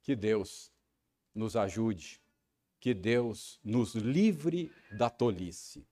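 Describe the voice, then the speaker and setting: A man's voice: fairly low pitch, very animated, drawn-out words, warm tone. A man with a Brazilian Portuguese accent preaching a sermon, telling a personal story with frequent tag questions. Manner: storytelling, acting out his own angry rehearsal. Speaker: pastor.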